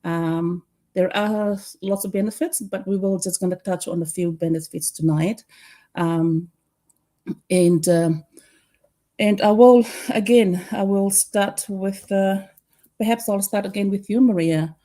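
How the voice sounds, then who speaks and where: A woman's voice: mid-range voice, unhurried, mellow. An older woman from Fiji hosting an online live chat, talking with many hesitant fillers. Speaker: host.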